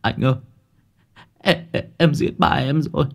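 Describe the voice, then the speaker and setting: A man's voice: on the high side, unhurried, creaky, over loud music, pitched above the performer's own voice. A man voicing a panicked young man who stammers and sobs in a spoken horror story. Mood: terrified. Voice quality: stuttering.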